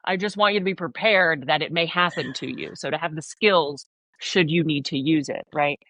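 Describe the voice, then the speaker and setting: A woman's voice: low voice, moderate pace, dry recording. A woman from the American South, a leadership coach who talks in an emphatic, blunt way and acts out little scenes as a podcast guest. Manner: emphatic, blunt, animated storytelling. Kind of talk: podcast interview.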